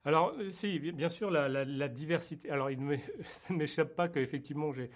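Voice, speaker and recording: A man's voice: on the high side, brisk. A French-born man who created a TV series, answering interview questions hesitantly with many fillers and restarts. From France.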